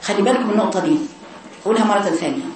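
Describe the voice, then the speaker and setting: A woman with an Egyptian accent teaching tajweed to girls, slowly repeating sounds to demonstrate and correcting mistakes. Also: medium pitch, a little mellow, echoey room, a little hiss or hum, poor audio. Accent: Egyptian Arabic. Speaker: Quran recitation teacher.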